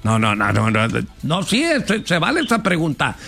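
Male radio host, argumentative and pushy, a bit high-pitched, takes callers. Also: very animated, normal speed, a bit bright, husky, soft background music. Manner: pushy, argumentative, raises voice when challenging. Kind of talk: call-in radio talk.

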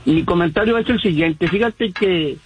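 This high-voiced caller from Mexico talks at a moderate pace on a phone-in radio segment, rambling and filling gaps with fillers. The phone-line audio is poor, with a little hiss or hum.

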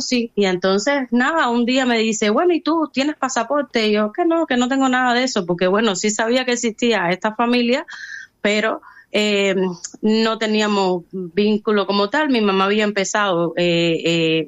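A woman's voice: mid-range voice, dry recording. A Cuban woman in a radio-style interview, recounting her own story with frequent "eh"s and false starts, her voice perking up when she quotes other people. The sound is dry and close, with a slightly dull, muffled top end. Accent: Cuban Spanish. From Cuba. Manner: hesitant, many restarts and fillers, lively when quoting others. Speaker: interview guest. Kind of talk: conversational storytelling.

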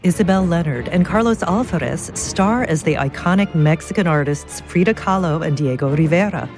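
A woman reading a scripted radio promo in a loud, dense announcer's voice with polished, measured delivery. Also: fairly low pitch. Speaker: radio announcer for an opera broadcast. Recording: promo read over clear music. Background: music.

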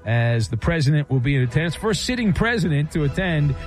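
A man hosting a late-night sports call-in radio show, taking calls in a smooth, quick, playful radio-host patter. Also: on the high side, sing-song, soft background music.

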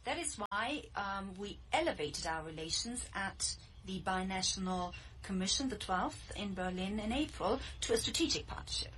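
A woman speaking as a live interpreter, relaying a formal official statement in halting phrases with cut-off words and quick restarts. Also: medium pitch, animated, fairly bright tone, slight background noise, poor audio. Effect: live interpreter voice, simultaneous interpretation.

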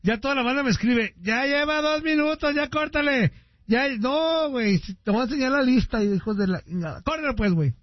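A man hosting a call-in radio show, teasing and loud, swearing freely in crude joking banter. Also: very high-pitched, animated, brisk, no room sound. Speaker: radio host taking calls. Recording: dull radio broadcast sound.

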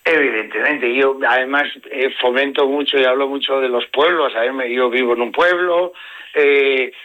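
A comedian from Asturias, Spain, with an Asturian Spanish accent, tells stories as a guest in a relaxed, casual interview, laughing often. His medium-pitched voice swings between slow, stretched phrases and quick bursts, over narrow, tinny audio.

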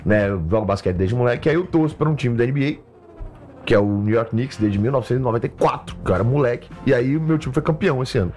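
A man chatting on a radio show in an excitable, slangy way, swearing freely. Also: mid-range voice, fast, soft background music. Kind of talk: casual banter.

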